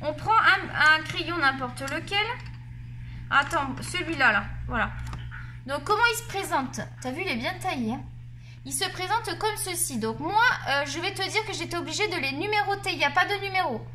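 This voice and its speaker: This art vlogger's voice is very high-pitched, bright and forceful, animated at a moderate pace, carrying a Marseille accent. She jokes casually with viewers while testing colored pencils at her home desk, face off camera, over slight background noise.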